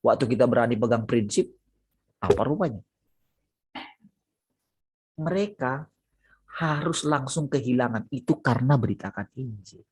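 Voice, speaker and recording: A man preaching a sermon on a video call, his husky voice at a middling pitch. He preaches animatedly, jumping up high and loud to stress a point, then sinking into low, soft reflection. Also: expressive, moderate pace, long pauses.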